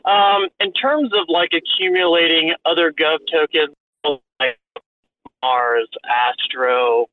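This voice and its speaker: A man's voice: a little high, slow pace. A man speaking hesitantly on a group call over a bad, garbled Bluetooth connection. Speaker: community call participant. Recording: tinny phone line with hiss.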